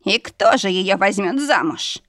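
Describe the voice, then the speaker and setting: A woman voicing a sarcastic male temple priest who speaks in a snide, measured way. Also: medium pitch, animated, fairly bright tone, no room sound, studio quality.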